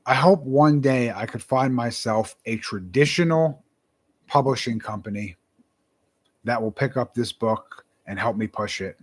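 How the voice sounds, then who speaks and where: A man's voice: medium pitch, a little slow. Rambling earnest young man vlogging. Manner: rambling, repeats words, earnest. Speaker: self-published author. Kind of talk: casual talking-to-camera vlog.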